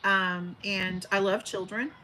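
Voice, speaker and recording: This livestream host, a woman in her forties, speaks slowly in a medium pitch that stays steady, bright and forceful. At home by an open window with birds outside, she reads out viewer comments with chatty affection, a big teacher voice, and frequent fillers and restarts. The recording is poor, with slight background noise.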